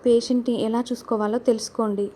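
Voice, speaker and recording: A woman's voice: on the high side, little pitch movement, quick pace, mellow, a little hiss or hum, natural voice. A woman reading the lines of a blunt, feisty young female housemaid in a story recap. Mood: pleading.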